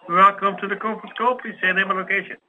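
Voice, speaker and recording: A man's voice: high-pitched, little pitch movement, quick pace, narrow, tinny audio. A man hosting a live conference call, greeting callers as they join. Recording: faint background noise on call.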